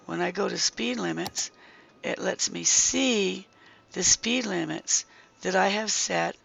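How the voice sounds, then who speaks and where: Someone with a hoarse, croaky throat and a strained voice that slips into whispers gives a casual, halting gameplay walkthrough, thinking aloud. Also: medium pitch, a bit bright. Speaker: gaming video creator.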